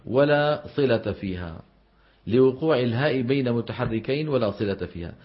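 A man teaching recitation rules to a class, questioning his students and reciting examples slowly. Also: medium pitch, expressive, husky. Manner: explains with frequent questions to the class. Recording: dull lo-fi recording.

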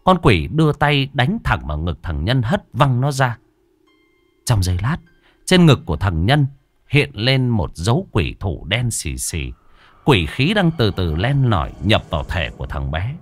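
A male horror storyteller reads slowly with a husky, low-set voice. His pitch swings widely for drama, and the recording is dry and close. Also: big pitch swings, no echo.

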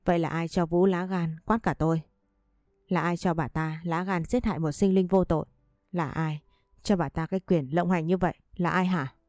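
A wronged second wife in a storybook drama, furious and grieving, bites out every word with bitterness, voiced by a woman narrator. Her voice stays low and mellow. It is recorded dry and close, with soft music under it. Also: steady tone, normal speed, dry recording, close to an everyday voice. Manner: bitter, biting out each word.

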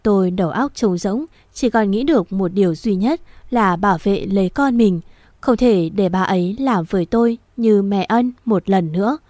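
A woman's voice: medium pitch, normal speed, mellow, no echo, studio quality. A woman narrating a first-person romance story aloud in an emotional, tearful manner.

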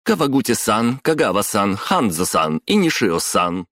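A man's voice: fairly low pitch, sing-song, measured pace, a bit bright, no echo, clean studio sound, voice pushed up, exaggerated voice. A man reading a story, voicing a cold, stern female senior manager who speaks in a commanding tone.

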